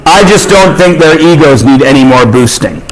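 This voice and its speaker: A man's voice: fairly high pitch, animated, moderate pace, a little hiss or hum, low-quality recording. A Canadian man teaching math in a classroom, joking and teasing his students on a chatty tangent.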